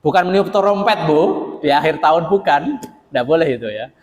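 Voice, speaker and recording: A man's voice: on the high side, expressive, normal speed. Folksy preacher man, hall reverb. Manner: folksy and joking, addresses the audience directly. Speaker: Islamic preacher. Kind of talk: sermon to a local congregation.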